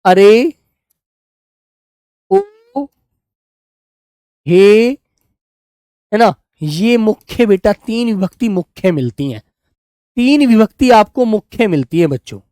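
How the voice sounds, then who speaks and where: A man teaching an online grammar class, speaking slowly and repeating his points as he coaxes his pupils along. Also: sits high, very animated, mellow, no echo, clean studio sound. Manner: drawn-out, repetitive, coaxing tone toward pupils.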